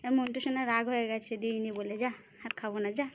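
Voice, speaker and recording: High, coaxing woman talking baby talk to her pet. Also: fairly even intonation, fast talker, noisy background. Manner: coaxing, sing-song baby talk with repeated words. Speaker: pet owner filming her pet.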